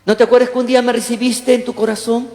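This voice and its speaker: A man preaching a lively sermon as pastor, often asking the congregation questions and acting out the quotes he tells. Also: extremely high pitch, quick pace. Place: church hall. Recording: echoey church hall, long reverb.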